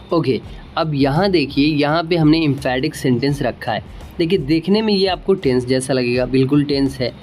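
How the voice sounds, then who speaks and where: A man's voice: fairly high pitch, a little mellow, slight background noise. Indian man teaching English in Hindi. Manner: explains patiently, repeats example sentences slowly. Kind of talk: casual spoken lesson.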